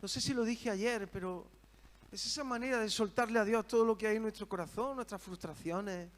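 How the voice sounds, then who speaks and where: A man's voice: high voice, brisk. A man preaching a sermon, earnest and full of rhetorical questions.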